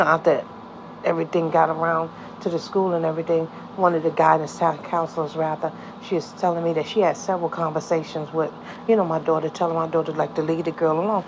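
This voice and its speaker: Rambling New woman, low voice. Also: background noise. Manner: rambling, repeats "you know what I mean". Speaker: caseworker and foster parent. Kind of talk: emotional personal storytelling vlog.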